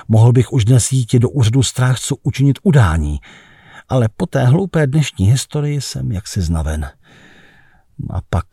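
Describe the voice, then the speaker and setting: A man reading a literary story in the first person, measured, with hesitant pauses. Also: lowish voice, mellow, breathy edge, no echo, studio quality. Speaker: narrator.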